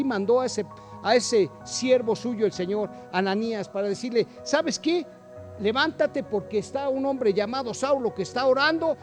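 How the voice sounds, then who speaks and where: Pastor with a high voice preaching a sermon, reading scripture, questioning the congregation, faint music underneath. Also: male voice. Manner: preaching with Bible readings and direct questions to the listener.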